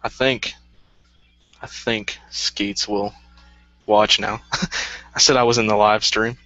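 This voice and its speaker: A man co-hosting a live stream, chatting casually in a halting way, trailing off and restarting. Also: lowish voice, steady tone, pushed and bright, no echo. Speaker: co-host of a live stream show. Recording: dull dry lo-fi sound.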